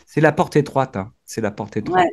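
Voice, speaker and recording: A man leads a spiritual reading group with a husky, breathy edge to his voice. He is effusive, bursting into exclamations. His sentences often stumble and restart. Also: mid-range voice, huge pitch swings, normal speed, a little mellow. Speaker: prayer group leader.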